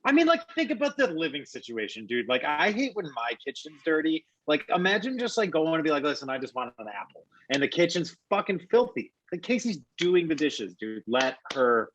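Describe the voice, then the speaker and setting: A man's voice: on the high side, sing-song, a little fast, few pauses, a bit bright, dull audio, a little hiss or hum. A man guesting on a podcast, ranting in an exasperated, casual way, packed with "like" and "dude". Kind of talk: casual chat.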